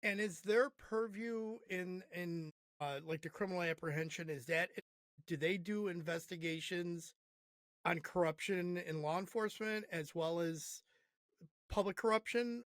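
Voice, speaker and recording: A man with a somewhat high voice hosts a podcast interview, friendly and prone to winding questions. His voice sounds close and dry, with no room around it. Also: measured pace, fairly bright tone, no echo. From Chicago area. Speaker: podcast host. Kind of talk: conversational interview.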